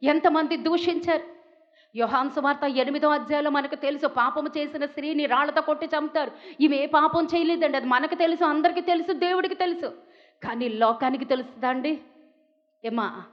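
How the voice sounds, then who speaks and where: A high-voiced woman pastor from India delivers a heartfelt sermon, pausing dramatically and speaking tenderly to her listeners. Her voice rings with a long hall reverb, and the recording sounds somewhat dull. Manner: emotional preaching with dramatic pauses, addresses listeners as amma.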